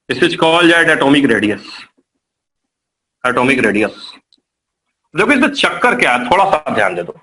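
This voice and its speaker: Male teacher, high voice, live classroom lecture, repeats and quizzes students. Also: a bit bright, poor audio. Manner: repetitive, coaxing, quizzes students. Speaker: chemistry teacher.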